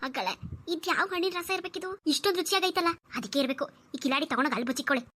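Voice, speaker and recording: A woman's voice: high-pitched, lively intonation, very fast, sharp tone, faint music behind. A woman voicing a nosy, scolding older mother-in-law in a cartoon, muttering to herself as she grumbles. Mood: suspicious. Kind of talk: cartoon voice acting.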